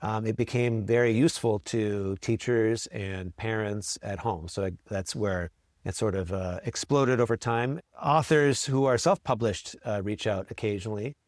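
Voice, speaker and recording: Male school librarian in an interview, friendly and a bit halting, dry close sound. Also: fairly low pitch, no room sound. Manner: friendly, pauses with ums and repeated words. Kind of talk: interview answers.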